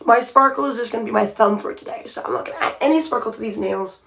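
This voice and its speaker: This woman's voice is a little high, quick, gravelly, and a bit bright as she livestreams herself painting her nails. She chats casually from home near a window, thinking aloud and often restarting sentences.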